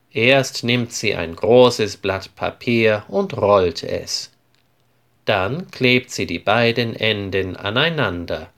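Slow, clearly spoken male storyteller. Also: lowish voice, fairly bright tone. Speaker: narrator. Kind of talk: storybook narration for language learners.

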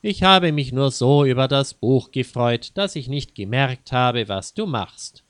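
Man reading as a bookish kid brother, earnest and huffy, clear voice. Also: medium pitch, expressive, measured pace, a bit bright, no room sound. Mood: sad. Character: bookish boy, easily annoyed brother.

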